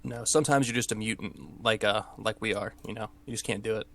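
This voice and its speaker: A man's voice: lowish voice, fast, creaky, a bit bright. A man chatting casually as a stream guest, modest and easygoing. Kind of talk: casual chat.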